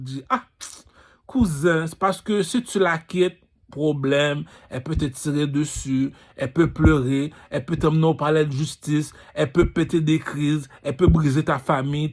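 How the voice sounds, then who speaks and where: A man with a Quebec French accent, hosting his own channel in a boastful, crude, swaggering street-talk rant. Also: on the high side. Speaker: channel host. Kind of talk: ranting monologue.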